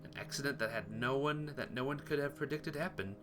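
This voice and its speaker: Over background music, this man narrates a visual novel's text aloud and performs its dialogue, now and then tripping on a word and fixing it. He speaks fairly quickly in a mid-range voice.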